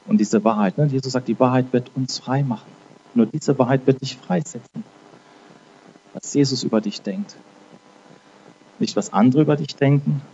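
Man preaching casually, dark voice. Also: mid-range voice, muffled recording, a little hiss or hum. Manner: conversational, frequent "ne?" tags; repeats and restarts words. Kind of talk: informal sermon with prayer.

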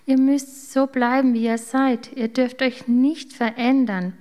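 A woman voicing a kind male master baker who speaks tenderly and slowly in a spoken storybook. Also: high voice, level tone, darkish tone, voice pushed up. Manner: tender, reassuring, slow.

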